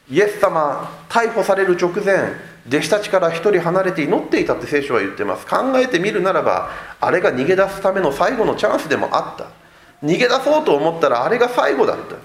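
Animated Japanese pastor preaching in an echoey room. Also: male voice. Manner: animated, swings between loud emphatic lines and soft low asides. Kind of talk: sermon.

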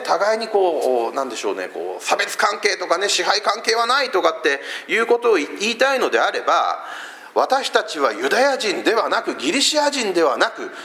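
A man's voice: high voice, sharp tone. A man from Fukuoka with a Hakata accent, preaching a sermon in a conversational way, with many rhetorical questions. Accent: Hakata dialect. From Fukuoka, Japan. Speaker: pastor.

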